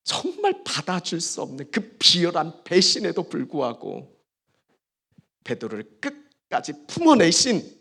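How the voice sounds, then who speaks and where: A male pastor delivering a Sunday sermon in a slightly high, raspy, gravelly voice. His pitch moves with lively swings, and he leans on dramatic pauses, dropping soft before building back up with emphasis. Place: church service.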